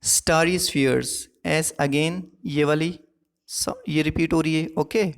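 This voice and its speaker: A male teacher with a fairly high voice, walking listeners through a lesson one step at a time. He keeps stopping to check that they are following. His voice rings with a long reverb, as in a hall. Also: steady tone, a little slow, vocal fry. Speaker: English teacher. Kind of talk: classroom lesson explaining poetic devices.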